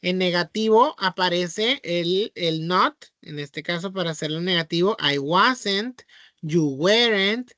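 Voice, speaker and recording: A Mexican man reviews English verb rules for his online class, speaking slowly and patiently and checking often that students follow. His voice is bright and clear, close and dry on the mic. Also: high voice, no room sound. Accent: Mexican Spanish. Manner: patient, explanatory, checks with frequent "¿sí?". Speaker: English teacher.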